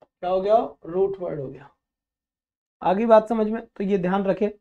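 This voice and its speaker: A man's voice: high voice, normal speed, highs cut off. A man teaching a live online vocabulary class, drilling the students by asking a question and then answering it himself, and calling them "beta" in a friendly, instructive way. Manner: drilling, asks and answers his own questions.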